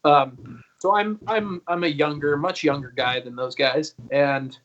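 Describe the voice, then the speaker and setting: A man's voice: fairly high pitch, a little slow, fairly bright tone, highs cut off. A man in his early thirties talking loosely on a video call, rambling, swearing and laughing as he tells stories. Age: 30s. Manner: rambling and laid-back, swears freely, laughs often. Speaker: guest singer. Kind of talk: casual interview chat.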